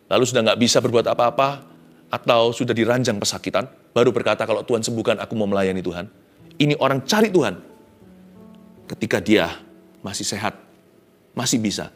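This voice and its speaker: A man preaching a sermon in an animated way, slipping English phrases into his talk. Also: on the low side. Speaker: pastor.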